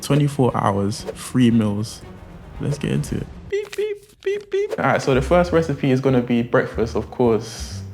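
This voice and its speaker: A man's voice: mid-range voice, normal speed, vocal fry, a little mellow, soft background music. A young man, cooking in a home kitchen and chatting in a playful, jokey, slangy way. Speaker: cooking vlogger. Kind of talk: casual cooking vlog.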